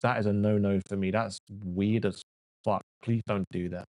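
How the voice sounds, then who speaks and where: A man's voice: fairly low pitch, steady tone, normal speed, noisy background. A man reviewing music as a reaction host, blunt and full of swearing and exasperated outbursts. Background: faint music playing.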